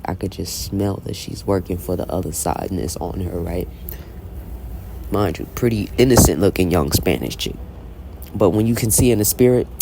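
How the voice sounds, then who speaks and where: A chatty, blunt woman tells a story in a casual vlog. Her voice swings widely in pitch and carries a gravelly fry. A faint hiss of noise sits behind her. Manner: chatty, animated, constantly asks "right?"; blunt and unapologetic. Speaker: Bible reading vlogger.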